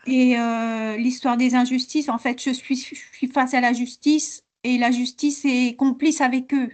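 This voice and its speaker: A woman recounting her experiences as a client in a hypnosis session, talking in a halting way with many fillers and restarts. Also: sits high, flat delivery, darkish tone.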